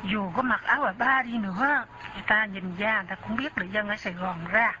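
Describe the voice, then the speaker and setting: A worried older mother-in-law, as a man acts her out, pitched high and raising firm, fretful objections. The sound is dull and lo-fi, with music behind. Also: brisk, lightly acted.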